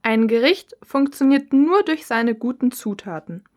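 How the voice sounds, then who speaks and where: A woman speaks slowly and evenly in a fairly high voice. She reads her part as a cookbook author in a scripted interview. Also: animated, a little mellow. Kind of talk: scripted listening-test dialogue.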